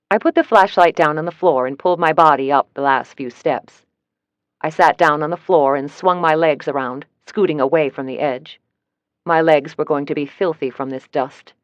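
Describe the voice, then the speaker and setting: A woman's voice: low-pitched, no echo. Woman reading an audiobook, dull dry sound. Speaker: audiobook narrator. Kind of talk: first-person audiobook narration.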